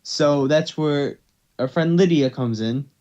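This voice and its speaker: A man hosts and narrates an amateur story reading, moving back and forth between scripted narration and casual banter. His slightly mellow voice is on the high side and slow, with the high frequencies cut off.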